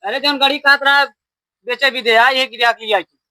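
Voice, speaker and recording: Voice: high-pitched, fairly even intonation, normal speed, bright, forceful tone, no echo, low-quality recording. A performer with an Awadhi accent playing an insistent village drinker haggling in a rural comedy skit.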